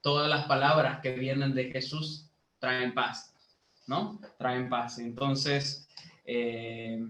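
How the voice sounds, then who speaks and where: A man from Bolivia giving a sermon to a youth group as a lay preacher, teaching slowly with many fillers and building to emphatic preaching. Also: medium pitch, a bit bright, echoey room, rough recording.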